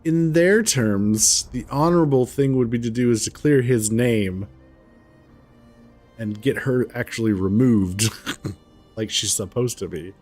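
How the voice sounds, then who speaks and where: A man giving casual gameplay commentary, thinking aloud in a halting, amused way. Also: mid-range voice, darkish tone, soft background music. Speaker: gamer, let's player.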